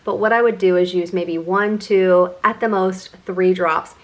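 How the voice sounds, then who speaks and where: A woman's voice: lowish voice, fairly even intonation, unhurried. A middle-aged woman vlogger giving a chatty, enthusiastic product review. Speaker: beauty vlogger.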